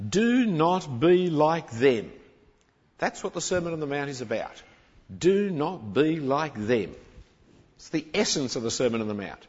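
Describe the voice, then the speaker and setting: A man preaches with a husky, fairly high voice that swoops up and down as he presses his points. He moves between loud emphasis and quieter asides. The recording is muffled and rings with the long echo of a big hall. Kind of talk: sermon.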